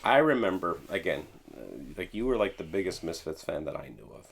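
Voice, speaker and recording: A man with a slightly low voice hosts a casual record chat. He talks loosely and gets animated, laughing and trailing off as he goes. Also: brisk, creaky, breathy edge. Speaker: podcast host.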